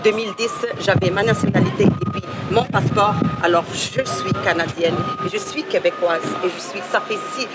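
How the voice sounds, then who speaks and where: Earnest halting woman in street noise. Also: medium pitch. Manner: earnest, halting, many fillers. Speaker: passer-by interviewee. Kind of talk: street interview answer. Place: outdoors on a city street. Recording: noisy outdoor street recording. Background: traffic noise.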